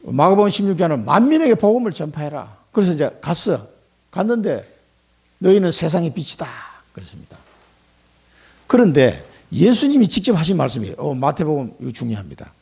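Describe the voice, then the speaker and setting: A middle-aged male pastor preaching a sermon, acting out prayers and replies in lively quoted voices. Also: on the high side, quick pace, vocal fry, breathy edge. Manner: animated, acts out prayers and God's replies in quoted voices, chuckles.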